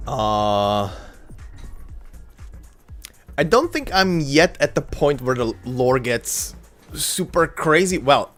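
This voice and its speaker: A man's voice: mid-range voice, a bit bright. A man doing casual gameplay commentary as a streamer, with dry, offhand reactions.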